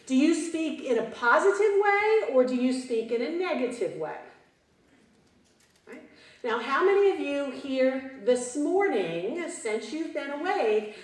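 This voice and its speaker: Recorded from a distance in a large, echoey hall, a high-pitched woman in her fifties gives a conference keynote. She is motivational and animated, and she often turns questions on the audience.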